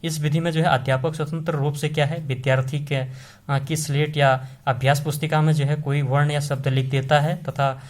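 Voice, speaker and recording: A man's voice: on the high side, little pitch movement, brisk. A man teaching an exam-prep lesson, explaining step by step and often checking in with the listener with short tag questions.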